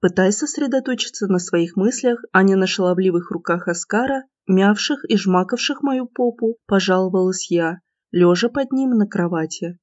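A woman giving steady, expressive first-person narration of a romance audiobook, in a dull, slightly lo-fi recording. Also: mid-range voice, normal speed, hardly any pauses, no echo.

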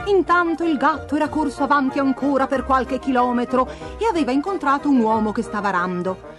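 A woman narrating a fairy tale aloud in an expressive storybook reading. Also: high-pitched, a little fast, over music.

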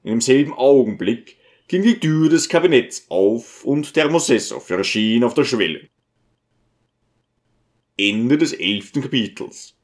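Lively male audiobook narrator. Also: mid-range voice, unhurried. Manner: expressive storytelling. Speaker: audiobook reader.

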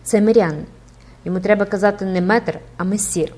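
A woman's voice: mid-range voice, brisk, darkish tone, lightly acted. A woman reading an audiobook, voicing a bold, festively dressed young woman who eagerly corrects her friend.

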